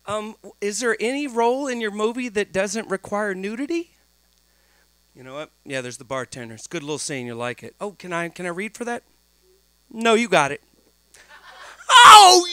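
A man's voice: high-pitched, expressive, fairly quick, fairly bright tone, clean tone, dry recording. A middle-aged man from Texas telling a comedic story live on stage into a close microphone, animatedly acting out the dialogue. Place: small dark stage venue, indoors. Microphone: stand microphone, close.

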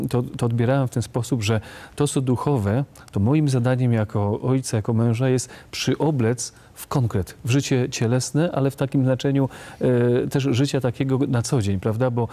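A man speaking as a studio guest in a panel discussion, thoughtful and pausing to find his words. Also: medium pitch, dark tone.

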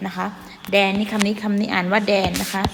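A woman's voice: mid-range voice, level tone, gravelly, music in the background. Thai woman teaching English in an echoey room. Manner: patient, ends phrases with polite particles, slows to spell out English words. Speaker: primary school English teacher. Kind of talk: online classroom lesson.

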